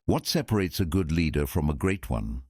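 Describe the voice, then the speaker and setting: A man's voice: a bass voice, big pitch swings, brisk, a little mellow. A man acting as interviewer, putting short scripted questions. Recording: faint background noise.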